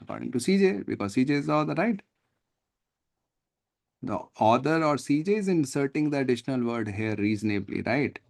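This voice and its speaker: A man's voice: mid-range voice, fairly quick, gravelly. A man with an Indian English accent tutoring an online class over a video call, often checking whether students follow. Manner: lively, questioning, checks understanding often. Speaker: test prep tutor.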